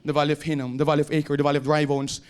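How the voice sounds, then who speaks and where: A man with a Filipino accent preaching a sermon in a church, swinging between shouted exhortation and low, quiet storytelling. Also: little pitch movement, racing, smooth. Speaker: pastor. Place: church sanctuary.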